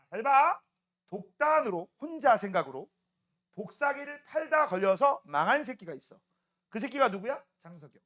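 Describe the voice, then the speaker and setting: A male science teacher giving a casual classroom lecture, checking in with students constantly and acting out little scenes in playful voices. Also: extremely high pitch. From South Korea. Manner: acts out scenes in playful voices, shouts at times.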